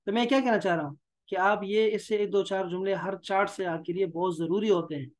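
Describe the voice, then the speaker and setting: High pitched pakistani guy teaching a class, reads a phrase then explains it, keeps repeating himself to coax students. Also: steady tone, a little fast. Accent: Pakistani Urdu. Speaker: Arabic teacher. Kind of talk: classroom lesson.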